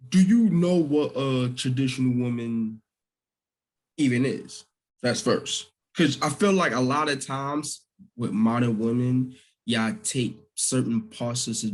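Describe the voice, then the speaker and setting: Husky-voiced young man hosting a casual chat. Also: mid-range voice, a little mellow, poor audio. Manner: laid-back, questioning, laughs easily. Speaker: podcast host.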